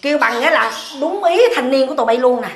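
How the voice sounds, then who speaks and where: A woman's voice: high voice, lively intonation, quick pace. A woman in her sixties with a southern Vietnamese accent, acting a bossy, doting mother in a comedy skit, exclamatory and insistent. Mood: eager. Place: tiled living room. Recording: echoey room with clear noise.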